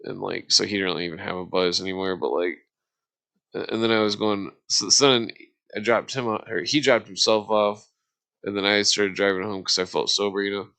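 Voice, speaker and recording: A middle-aged man with a low, bright voice that slips into vocal fry tells casual, rambling stories with a flat delivery. He hesitates and circles back on himself, using profane, slangy language.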